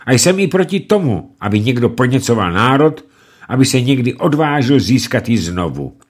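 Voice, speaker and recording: A man voicing an earnest middle-aged male prisoner who speaks in a measured, serious way. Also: mid-range voice, sing-song, husky, voice pushed up.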